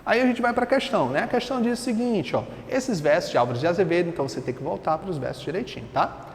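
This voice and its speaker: High-voiced Brazilian male teacher. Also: expressive, quick pace. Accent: Brazilian Portuguese. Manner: explanatory, conversational, frequent rhetorical questions. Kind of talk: literature lesson. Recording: reverberant room with faint noise.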